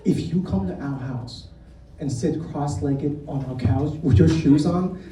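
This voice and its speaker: A mellow, unhurried mid-range voice belongs to a Vietnam-born comedian doing stand-up live at a comedy club. He teases the audience and talks right to them. The recording is distant and roomy, with audience sounds.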